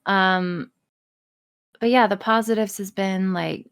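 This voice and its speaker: A woman with a mid-range, steady voice speaks slowly in a clean tone. She's a voice actress and audio creator being interviewed, chatting casually and candidly, frank, self-deprecating and swearing freely.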